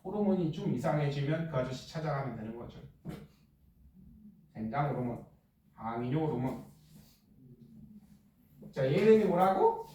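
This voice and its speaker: A middle-aged male teacher lecturing a class in a joking, blunt way and firing quick questions at students. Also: a little high, animated, mellow, slight background noise. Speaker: middle school science teacher. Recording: echoey classroom from far off.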